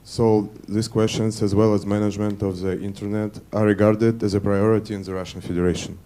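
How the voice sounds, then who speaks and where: A man with a low, dark voice gives a formal official statement at a conference. His delivery is flat and monotone, slow and deliberate, in carefully official phrasing. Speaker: embassy representative. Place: conference room.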